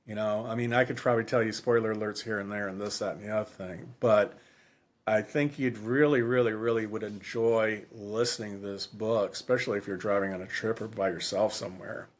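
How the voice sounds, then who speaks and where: His voice sits on the low side, steady in tone and brisk in pace. He's a podcast co-host in a casual, unplanned book conversation, drifting along, echoing his own phrases, and correcting himself.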